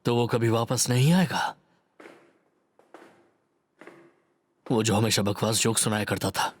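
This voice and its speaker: A man's voice: mid-range voice, lively intonation, normal speed, a bit bright, a little hiss or hum, lightly acted. A man voicing a flustered male company employee who keeps asking anxious, startled questions.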